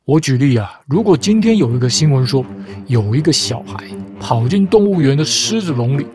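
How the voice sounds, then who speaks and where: Guitar music accompanies a podcast host retelling fairy tales in playful, teasing, mock-reasonable storytelling commentary. He has a medium-pitched, darkish, animated voice and a moderate pace.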